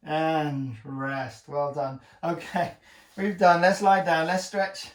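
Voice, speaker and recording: A male fitness trainer, winded from the workout, coaches his viewers through each exercise with upbeat encouragement and wry jokes. His voice sits a little high and reaches the mic from a distance. The room around him rings with echo. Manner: encouraging, joking, breathing hard between exercises. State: out of breath. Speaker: personal trainer. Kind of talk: talking through a home workout.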